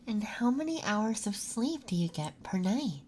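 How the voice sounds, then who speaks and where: A soft-spoken ASMR performer plays a gentle, calming nurse during a roleplay intake, speaking in a soothing, unhurried way. Her mid-range voice comes with background noise.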